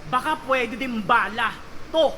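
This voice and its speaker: A man delivering a battle rap verse in a high, bright voice. He taunts his opponent and hammers each punchline with a shout. Faint noise sits beneath the voice. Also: slow pace. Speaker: battle rapper.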